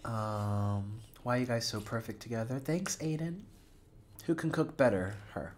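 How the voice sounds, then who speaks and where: A man's voice: medium pitch, a little slow, a little mellow, slight background noise. A man, a mukbang YouTuber, chatting casually while eating, laughing often and trailing off with fillers.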